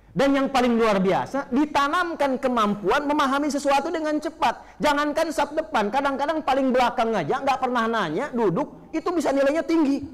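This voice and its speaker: A male preacher with an Indonesian accent giving a sermon, swinging between loud emphatic calls and low quiet asides. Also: in a large hall. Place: large mosque hall.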